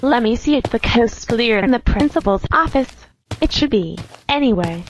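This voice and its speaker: A woman's voice: a little high, moderate pace, a little hiss or hum. A woman voicing a scheming schoolgirl plotting a prank. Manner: scheming, excited. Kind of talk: cartoon voice acting.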